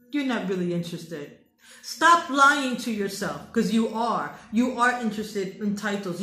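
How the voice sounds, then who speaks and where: A woman's voice: medium pitch, a bit bright. An American woman holds forth as a dating coach, driving her points home by repeating them. Her voice sits in the middle of the range. It rings around a roomy space. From United States. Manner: emphatic, preachy, repeats phrases for emphasis. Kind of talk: direct advice monologue. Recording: roomy echo.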